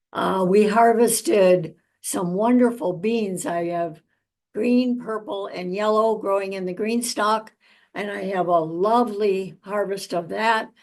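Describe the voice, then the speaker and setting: Slow-talking woman with a creaky voice. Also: mid-range voice. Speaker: vlog host. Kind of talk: casual chat to viewers about gardening.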